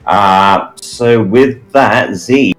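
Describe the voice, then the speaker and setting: A man narrating as game master, measured and pausing often with fillers. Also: fairly low pitch, soft background music.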